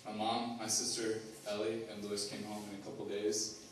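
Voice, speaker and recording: A young man shares his personal testimony in a low, flat voice, stopping and restarting often with lots of fillers. He is heard from some distance in a very echoey hall, with a faint hum of ambience behind him. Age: young adult. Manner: halting, many fillers and restarts. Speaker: student giving a testimony.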